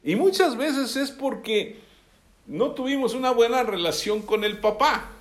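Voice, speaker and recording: A man's voice: very high-pitched, expressive, measured pace. A man preaching a sermon in a conversational way, often checking that listeners follow along. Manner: conversational, asks listeners for assent. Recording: echoey room.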